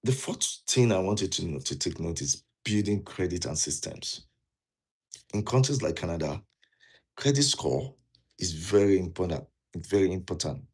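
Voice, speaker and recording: A Nigerian vlogger talks casually about immigration at normal speed, his deep, darkish, slightly rough voice full of lively intonation. Indoors and in a jacket, he speaks Nigerian English, earnestly repeats his key advice, and asks viewers questions.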